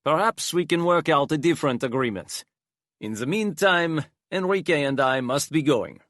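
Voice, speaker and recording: A man voicing a cool, calculating young male leader who speaks in a calm, clipped, dry way. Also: fairly high pitch, moderate pace, no echo, pitched above the performer's own voice.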